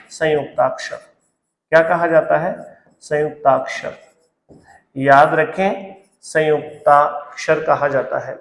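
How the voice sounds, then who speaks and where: High-voiced male teacher in echoey room. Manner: repeats key words, quizzes viewers with questions. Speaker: Hindi grammar teacher. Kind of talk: classroom-style lesson to camera.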